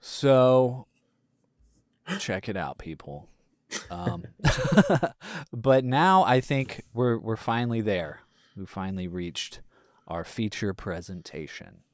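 A man co-hosting a casual film podcast, rambling with many fillers and letting his sentences trail off quietly. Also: fairly low pitch, very animated, takes it slowly, long pauses, no room sound, clean studio sound. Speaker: podcast co-host. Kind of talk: casual film review chat.

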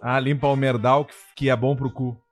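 A man's voice: mid-range voice, level tone, moderate pace, faint music behind. A man, co-hosting a comedy podcast with crude, joking banter.

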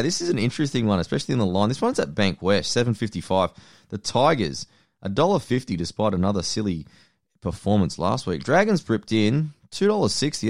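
Australian male podcast host, low voice, chatty, dry close mic. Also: creaky, no echo. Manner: relaxed, chatty, runs the segments. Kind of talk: casual sports fantasy chat.

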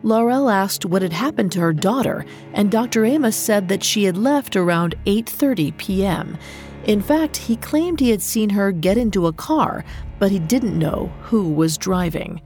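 A woman hosts a true-crime show in scripted narration, with music running underneath. Her delivery is measured and suspenseful, telling the story like a crime show narrator at a middling pitch. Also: animated, darkish tone. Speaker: podcast host and narrator. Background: background music.

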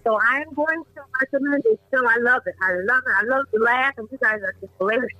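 Phone-in caller: middle-aged woman, bright voice, distant and dry over the line. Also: fairly high pitch, no room sound. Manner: gushing, halting with fillers. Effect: heard over a phone line. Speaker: caller, mother of a host. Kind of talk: call-in chat.

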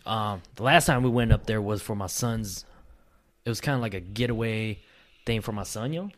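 A man's voice: fairly low pitch, moderate pace. A man, chatting casually and rambling with lots of fillers and restarts. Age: late 20s. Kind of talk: casual chat.

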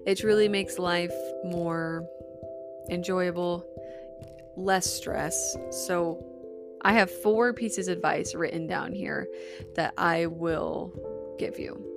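A woman's voice: fairly low pitch, steady tone, takes it slowly, vocal fry, music in the background. A young woman with a Utah accent hosting her own podcast in a casual, candid way, giggling and swearing freely as she chats. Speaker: podcast host. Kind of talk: casual solo podcast chat.

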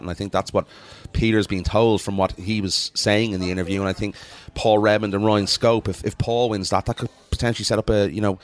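A man talking casually about sport as a podcast co-host and pundit. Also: on the low side.

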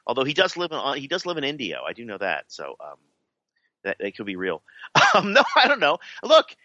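A man's voice: medium pitch, huge pitch swings, fairly quick, pushed and bright, no room sound. A man co-hosting a podcast, chatting casually about politics in a joking, sarcastic way. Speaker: podcast co-host. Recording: dry, dull lo-fi sound.

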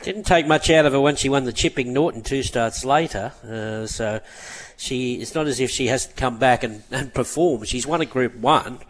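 A man's voice: mid-range voice, moderate pace, few pauses. An Australian man giving casual, analytical commentary as a panellist on a radio show.

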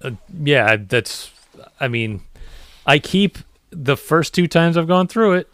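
A man's voice: fairly high pitch, lively intonation, takes it slowly, a bit bright, no echo, studio quality. A man co-hosting a racing podcast, chatting in a laid-back way and laughing often. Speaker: podcast co-host. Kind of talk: casual chat.

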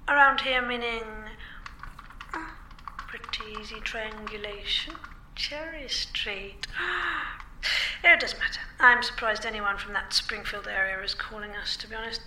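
A woman voices a sly female corporate villain in a radio drama, teasing and laughing with slow, toying menace. Her bright, crisp voice sits a little high and drawls each word. The sound carries a roomy echo. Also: fairly even intonation, slight background noise.

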